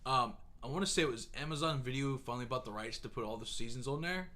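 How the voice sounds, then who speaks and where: A young man co-hosting a casual podcast chat, animated and fond of saying "here's the thing", with bursts of loud laughter. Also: mid-range voice, fast talker. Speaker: podcast co-host.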